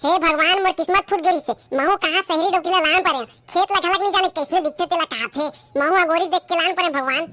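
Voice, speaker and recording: A lazy, excuse-making young village man from a comic skit, acted by a woman, talking in a Chhattisgarhi accent. The voice sits very high and bright, sharp at the edges. He grumbles and whines his way through every line. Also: dry recording. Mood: grumbling. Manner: whiny, grumbling, quick to complain.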